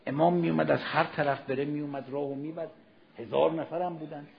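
A man preaching a sermon, telling a story dramatically, moving from hushed passages to loud exclamations. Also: a little high, steady tone, creaky, dull audio, a crowd in the background. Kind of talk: Ramadan religious sermon storytelling.

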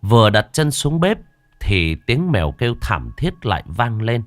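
A man narrating a horror story in a lively storytelling manner. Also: medium pitch, a little slow, no echo, soft background music.

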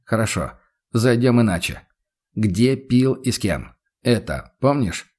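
A man voicing a calm, stern male investigator who questions in a level, insistent voice. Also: medium pitch, a little slow.

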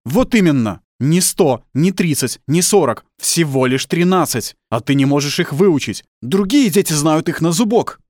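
A man's voice: lowish voice, moderate pace, few pauses, dry recording, clean studio sound, lightly acted. A man voicing a broken, fanatical husband and harsh father in an audiobook, sometimes dazed, sometimes furious. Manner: dazed and mumbling, then stern and shouting in memory.

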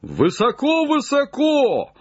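A man voicing an old male servant, simple and sly, calling down in high drawn-out shouts. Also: wildly swooping pitch, breathy edge, dry recording, muffled recording, exaggerated voice. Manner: high drawn-out calls from far up a tree.

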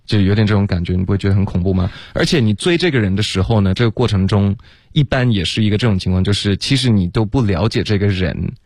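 Guy teaching pronunciation on a radio lesson, lowish voice, dry close mic, patient, slows way down to show sounds. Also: darkish tone, no room sound. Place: radio studio.

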